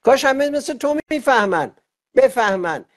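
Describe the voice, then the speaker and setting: A man's voice: very high voice, lively intonation. A man hosting a live-stream conversation, telling rambling stories full of quoted dialogue. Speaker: host.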